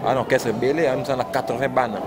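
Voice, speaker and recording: A man with a Congolese French accent in an animated, repetitive casual chat about music, exclaiming often. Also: mid-range voice, quick pace, heavy background noise. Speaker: fan discussing rumba music. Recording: loud music playing behind.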